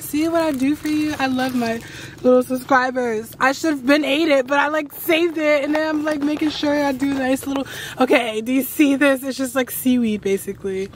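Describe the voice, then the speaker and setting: A tired woman in a rambling, excitable casual vlog to camera, recorded outdoors at night on a handheld phone after a long ride. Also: on the high side, slight background noise. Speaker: travel vlogger.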